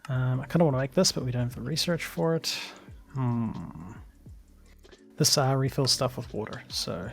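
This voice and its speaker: Slightly hoarse, gravelly man talking through a game. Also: mid-range voice, moderate pace. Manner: chatty, thinks aloud with fillers and small laughs. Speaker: let's play gamer. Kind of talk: casual gameplay commentary.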